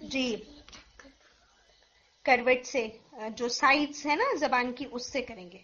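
A woman with a high voice gives a patient pronunciation lesson, saying each sound slowly and repeating it. The recording sounds dull and lo-fi. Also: bright, forceful tone. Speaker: Quran pronunciation teacher. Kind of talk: explanatory lesson mixing Urdu and English.

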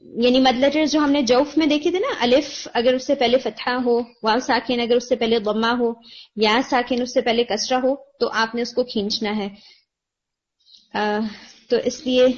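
This is a woman with a fairly high voice, teaching Quran recitation to a student over a video call. She explains each correction patiently, slowing right down to model the words. The call audio is dull and lo-fi. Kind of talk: online tajweed lesson, giving feedback.

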